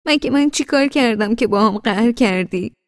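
A woman's voice: high voice, pitched above the performer's own voice, close to an everyday voice. A woman reading an audiobook, voicing a tearful young wife who pleads in a raised, insistent voice. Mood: hurt.

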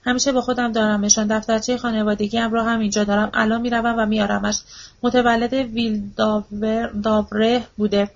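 Woman reading desperate old widow, begging, says things twice, kinda high flat voice, muffled lo-fi audiobook. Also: natural voice. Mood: insistent. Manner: frantic, repeats herself, pleading. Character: grieving, desperate old widow, shrill and pleading. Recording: dull lo-fi audiobook recording.

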